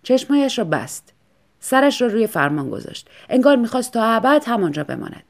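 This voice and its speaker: A woman reading an audiobook story in an expressive, lively manner. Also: fairly high pitch, vocal fry. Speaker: audiobook narrator. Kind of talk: scripted narration.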